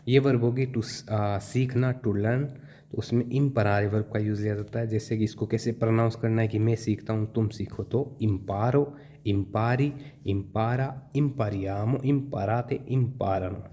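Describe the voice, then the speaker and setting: Male tutor, low mellow voice, drags out example phrases; light hiss behind. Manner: slow, drawn-out example phrases. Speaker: language teacher. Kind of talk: explaining lesson.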